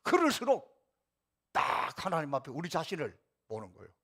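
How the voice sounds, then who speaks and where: A middle-aged man preaches in a church with a husky voice. His pitch sits high for a man and swings widely as he talks straight to the congregation. He acts out imagined retorts in a conversational way. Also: wildly swooping pitch, moderate pace, fairly bright tone. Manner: addresses congregation directly. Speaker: pastor. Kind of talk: sermon. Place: church sanctuary.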